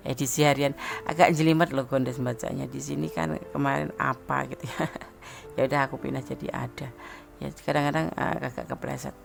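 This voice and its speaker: A slightly hoarse woman, chatting casually as she gives a tarot reading, thinking aloud with fillers and restarts. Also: rumbling low, steady tone, a little fast, music in the background. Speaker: tarot reader.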